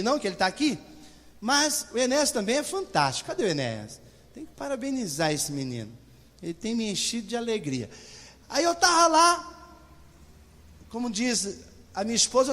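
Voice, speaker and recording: A middle-aged man preaches to his congregation, talking straight to them. His voice sits high and swings widely in pitch. A long church reverb trails every phrase. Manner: animated preaching, addresses congregation directly. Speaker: pastor. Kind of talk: sermon. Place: church hall.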